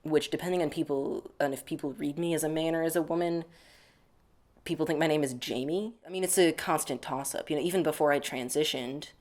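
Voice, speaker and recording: His voice on the high side and fairly quick, with fairly even intonation and a darkish tone, a young adult from the United States answers interview questions. He's reflective and informal, often inserting "like."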